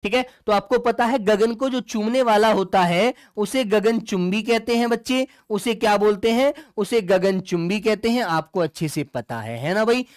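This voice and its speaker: A man's voice: high-pitched, normal speed, hardly any pauses, no echo, clean studio sound. A man teaching in a live online exam-prep lesson. He talks affectionately to his students as dear children and answers their comments as he goes. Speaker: Hindi teacher.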